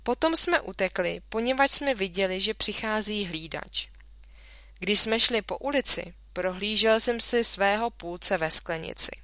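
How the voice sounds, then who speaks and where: A woman narrating a children's story aloud with a lively, expressive reading. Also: mid-range voice, no room sound.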